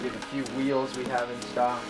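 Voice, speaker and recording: A man gives an informal walk-through tour as a manager, speaking in an off-the-cuff way at a middle pitch. Clear background music plays behind his casual talk. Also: flat delivery, a little fast. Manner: informal, off-the-cuff pointing things out. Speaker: warehouse manager giving a tour.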